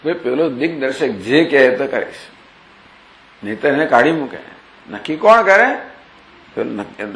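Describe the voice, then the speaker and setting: A man's voice: medium pitch, a bit bright. Gujarati spiritual teacher man, echoey hall. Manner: explains verses with questions and examples. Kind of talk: scriptural discourse.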